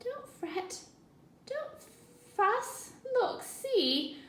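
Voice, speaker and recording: A woman voicing a small fussing mouse in a storybook reading, with a high squeaky pipe. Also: sing-song, drawn-out words, heavily acted. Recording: echoey room.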